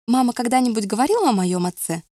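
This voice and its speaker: A woman's voice: a little high, big pitch swings, fast talker, mellow, no room sound, clean studio sound, pitched above the performer's own voice. A woman reading the questions of a curious young woman in an audiobook. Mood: probing.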